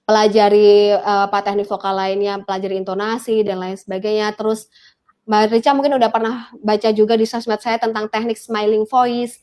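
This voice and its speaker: A woman's voice: mid-range voice, flat delivery, moderate pace, a little mellow. A young woman with a Javanese accent, a guest coach explaining public speaking drills in casual talk show chat and demonstrating newsreader-style delivery.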